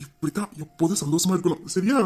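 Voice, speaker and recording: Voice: mid-range voice, fast, natural voice. Someone voicing a protective, loving young groom. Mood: tender, reassuring. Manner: teasing, reassuring, tender. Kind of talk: audio drama acting.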